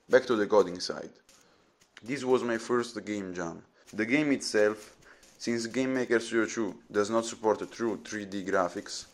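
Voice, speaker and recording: A teenage man with an Italian accent, narrating a voice-over about making his game in an earnest, explanatory way. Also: lowish voice. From Italy. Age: teens. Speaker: game developer.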